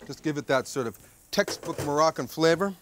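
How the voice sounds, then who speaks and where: His voice runs a bit high and he moves briskly, with noise behind him. On an outdoor backyard grill deck, this man in his thirties hosts a TV cooking show in a chatty, joking style, peppering lines with "okay?"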